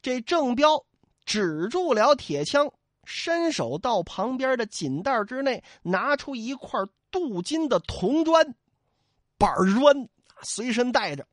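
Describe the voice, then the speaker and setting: A man's voice: very high voice, no echo, studio quality. A man telling a classic tale in humorous traditional storytelling style, joking with the listener and acting out sound effects. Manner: lively and joking, with mock sound effects and asides.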